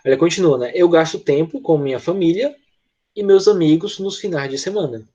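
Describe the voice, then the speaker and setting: Patient Brazilian teacher over lo-fi audio. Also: male voice, on the high side, lively intonation, brisk, mellow. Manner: patient, checks in often with tag questions. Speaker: English teacher. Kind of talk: online class, leading pupils in repetition.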